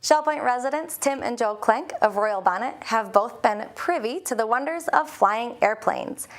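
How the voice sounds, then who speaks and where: A woman's voice: on the high side, lively intonation, moderate pace. A woman presenter reading a scripted introduction. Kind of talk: scripted narration.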